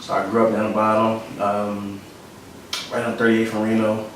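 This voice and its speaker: A man's voice: fairly low pitch, monotone, normal speed, slight background noise. A young man from Philadelphia with a Philadelphia accent, talking reflectively about his life in a casual interview, often repeating phrases. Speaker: interviewee, photographer. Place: studio room. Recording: echoey room, mic at a distance.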